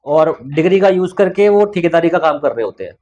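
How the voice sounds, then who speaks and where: A man's voice: on the high side, expressive, brisk, warm tone, dull audio. A man hosting a podcast, talking in an encouraging, somewhat preachy motivational way. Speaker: podcast host. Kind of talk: motivational interview talk.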